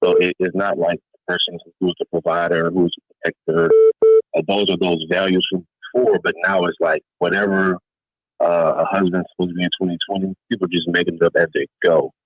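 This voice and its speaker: A man calling in to a talk show, his voice muffled as if heard through a wall while he thinks aloud haltingly. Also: deep voice, level tone, dry recording. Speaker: caller. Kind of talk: call-in talk. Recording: dull, lo-fi phone line.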